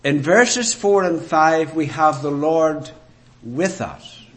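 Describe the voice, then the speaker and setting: A man with a Northern Irish Ulster accent preaching a sermon in a deliberate, rhetorical way with emphatic phrases. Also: on the high side, expressive. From rural Ireland, Ulster.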